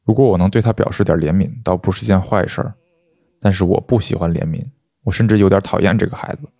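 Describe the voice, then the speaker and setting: Deep-voiced man reading a story. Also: quick pace, dark tone, no echo, studio quality. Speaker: host and reader. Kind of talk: literary reading aloud.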